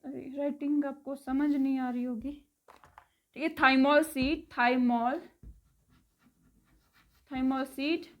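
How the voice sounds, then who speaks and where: High-voiced woman teaching vocabulary. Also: steady tone. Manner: spells words letter by letter and repeats them slowly; says "theek hai" after nearly every item. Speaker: spoken English teacher. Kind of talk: casual Hindi vocabulary lesson.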